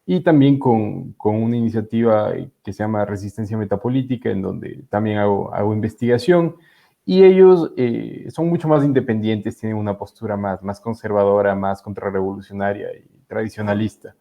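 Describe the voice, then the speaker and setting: Over a video call with dull, lo-fi sound, a young man from Ecuador who studies law talks politics casually as an interview guest. His lowish voice is creaky and mellow at a moderate pace, and he hesitates with many fillers.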